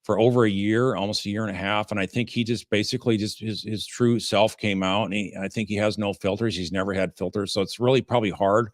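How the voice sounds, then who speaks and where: A man hosting a livestream of legal commentary, talking informally and haltingly as he takes audience questions. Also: fairly low pitch, fairly even intonation, dry recording, studio quality. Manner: halting, informal, rambling delivery. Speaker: host, defense lawyer commenting on a trial.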